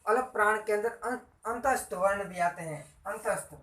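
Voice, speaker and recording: A man's voice: high-pitched, moderate pace, bright, forceful tone, distant mic. Male grammar teacher, repeats himself, asks the class questions, roomy echo, set back from the mic. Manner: repetitive, quizzing listeners with questions. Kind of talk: classroom-style grammar lesson. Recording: echoey room, voice off-mic.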